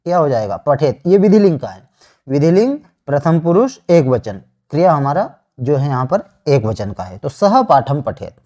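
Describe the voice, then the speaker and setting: A man teaching Sanskrit grammar online, slowly repeating each answer after asking it back. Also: a little high, sing-song, dark tone. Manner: slow, repeats answers with rhetorical questions. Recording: dull lo-fi sound.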